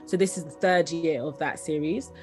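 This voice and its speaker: Faint music sits behind this young woman's low-pitched, slightly mellow voice as she speaks at normal speed. She's a company founder being interviewed over a video call, chatting with enthusiasm and repeating words to stress them.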